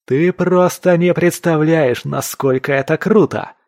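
A man reading an audiobook, voicing an excited, boastful young male fighter with an eager, loud delivery. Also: mid-range voice, normal speed, no echo, studio quality, voice pushed up. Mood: thrilled. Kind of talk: audiobook character voice.

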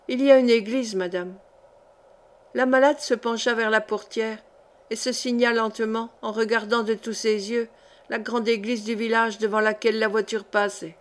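A woman with a somewhat high voice reads a classic short story aloud. She narrates steadily and gives the characters' lines small changes of voice. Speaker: reader.

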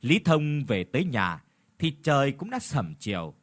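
A man tells a horror story with a husky, breathy voice. His pitch moves a lot as he narrates dramatically. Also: very animated, a little slow.

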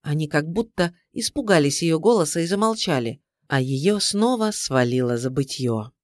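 A man tells the story in a calm, measured audiobook narration. His voice sits a little on the higher side. The recording is dry and close. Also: no room sound.

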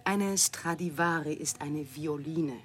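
A woman's voice: deep voice, slow pace, slight background noise. A woman playing a haughty, imperious, very rich lady client in a radio drama, speaking with an indignant manner.

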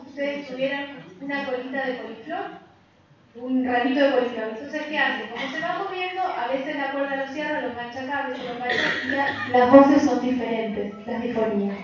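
A woman's voice: high-pitched, moderate pace, slight background noise. A woman giving a lecture to a group in a voice workshop, explaining with emphatic repetition. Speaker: voice workshop speaker. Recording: echoey room, distant mic, dull sound.

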